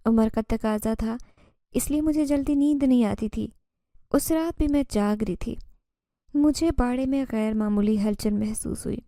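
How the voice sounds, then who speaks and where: A woman narrating a first-person horror story with steady, dramatic recounting. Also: on the high side, no echo, clean studio sound.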